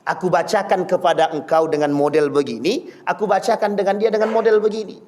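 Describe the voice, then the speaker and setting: Male preacher, high voice, animated storytelling sermon, talks straight to the congregation. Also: a little fast. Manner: lively storytelling, acting out quoted voices; addresses listeners directly, rhetorical questions. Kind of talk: religious lecture to a congregation.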